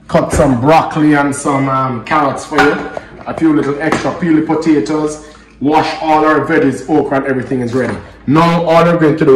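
A Jamaican man in his thirties talks through a home cooking demo with easygoing, chatty banter. His voice sits at an ordinary pitch and comes from a camera set back in the kitchen. The room adds a roomy echo, with clear background noise from the cooking. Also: recorded from a distance. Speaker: cooking vlog host. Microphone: camera mic at a distance.

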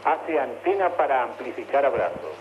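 Reading a formal message slowly enough to be taken down, an Argentine Spanish-accented radio announcer speaks over a long-distance link. His mid-range voice swings widely in pitch at a moderate pace, with the top end cut off and a faint hiss or hum.

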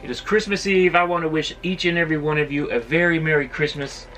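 A man's voice: a little high, steady tone, quick pace, a bit bright, a little hiss or hum. A middle-aged man chatting casually to camera in his RV, upbeat and full of fillers. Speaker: RV travel vlogger. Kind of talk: casual vlog talk to camera. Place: inside an RV decorated for Christmas. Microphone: camera at a distance. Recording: voice a little far from the mic, music behind.

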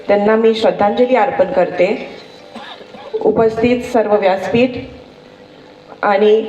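A woman from Maharashtra, India, speaking as an election candidate in a political campaign speech, delivered in measured, halting phrases with pauses. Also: mid-range voice, dark tone, dull audio. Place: public rally through a sound system. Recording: roomy echo, distant mic, faint noise.

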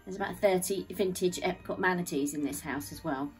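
A woman's voice: on the low side, brisk, soft background music, rough recording. A British woman in her thirties chatting casually as a vlog co-host in her living room.

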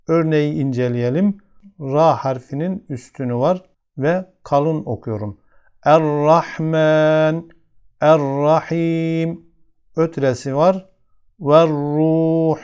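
A man's voice: on the high side, a little mellow. A man with a Turkish accent teaching a tajweed lesson step by step, patiently repeating each example word. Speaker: Quran recitation teacher.

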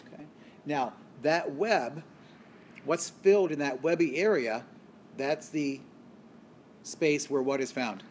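A man's voice: on the high side, slow pace, long pauses, slight background noise. A man giving a recorded college biology lecture, explaining step by step and asking questions that he then answers himself. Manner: asks the class questions and answers them himself.

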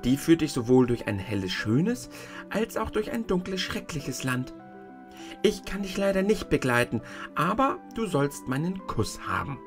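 A man's voice: very animated, unhurried, over music. A man doing a tiny, kindly old witch. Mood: gentle. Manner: soft, gentle storyteller voice raised higher.

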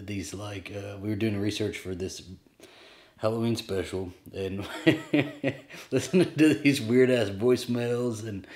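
A man's voice: fairly low pitch, darkish tone, echoey room. A young man vlogging casually about film, rambling and laughing often. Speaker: vlogger and filmmaker. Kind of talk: casual chat to camera.

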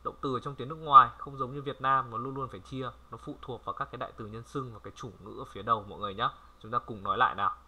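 Man, language tutor, very bright voice, chatty, repeats words slowly. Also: medium pitch, fairly even intonation. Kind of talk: casual screen-recorded lesson.

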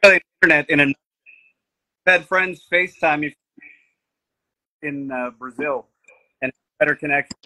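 A man speaking as a guest woodworker over a video call, his audio glitching and dropping out in gaps, so his phrases come through halting and fragmented. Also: on the high side, bright, forceful tone, dry recording, rough recording. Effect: glitchy audio cutting out in gaps. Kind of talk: casual live-stream chat.

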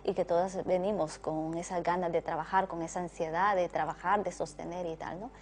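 A woman from El Salvador calmly telling her own experiences in a recorded video, adding "no?" as she talks. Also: fairly low pitch, brisk, slight background noise. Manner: reflective, uses fillers like "¿no?". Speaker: interviewee in a video. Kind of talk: casual testimony.

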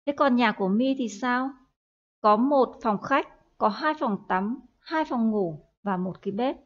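A woman teaches English in a recorded online lesson, explaining things in Vietnamese with hesitant fillers and having words repeated for practice. Her voice is a little high and unhurried, and the audio is dull and lo-fi.

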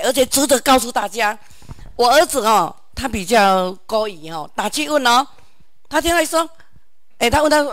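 A middle-aged woman with a Taiwanese accent, telling an animated personal story to a group and acting out the phone calls. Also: sits high, no echo. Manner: many sentence-final particles and restarts. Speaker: audience member sharing a story. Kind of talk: personal anecdote at a meeting.

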